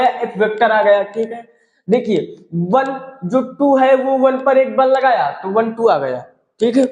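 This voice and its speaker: A man's voice: sits high, darkish tone, reverberant. A man teaching a physics lesson, repeating phrases and checking in often with his students. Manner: repetitive, checks in often with "theek hai" and "bhaiya". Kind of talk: classroom lecture explaining at a board.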